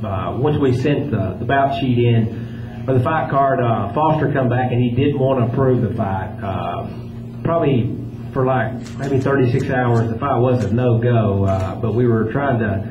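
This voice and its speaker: Halting male moderator in an echoey room. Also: mid-range voice. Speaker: press conference moderator. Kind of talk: informal moderating. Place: press conference room. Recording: echoey muffled room with background noise.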